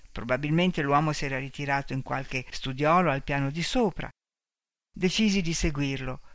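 A man reading a novel aloud as narrator, in a measured, even storytelling manner. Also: on the high side, no room sound, studio quality. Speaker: audiobook narrator. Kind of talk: scripted narration.

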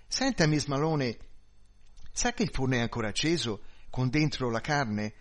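A man's voice: mid-range voice, animated, normal speed, lightly acted. Brief: kindly sergeant, read by a man; polite, a little hesitant. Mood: obliging. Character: kindly police sergeant, tired and obliging.

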